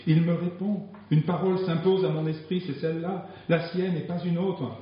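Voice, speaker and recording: Male reader doing a devout prayerful woman, earnest and quiet, in a story read aloud in a very echoey room with dull sound. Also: fairly high pitch, flat delivery, normal speed, natural voice. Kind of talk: reading a religious story aloud.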